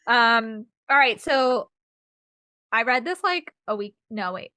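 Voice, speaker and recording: A young woman chatting on a book podcast, her voice bright and pitched a little high. She is giggly and a bit scattered as she talks. The recording is dry and close. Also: animated, slow, no echo. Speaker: podcast co-host. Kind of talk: casual chat.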